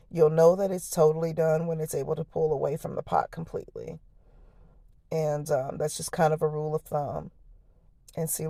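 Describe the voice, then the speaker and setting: A woman with an American accent speaks in a low, harsh voice, hoarse as if worn out. Her delivery is flat and mellow, a casual and folksy cooking narration. She talks straight to the viewer in a chatty, homely way. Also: no echo. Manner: folksy, chatty, addresses viewers as y'all and honey. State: hoarse, voice lost from the night before. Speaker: home cook, vlog host.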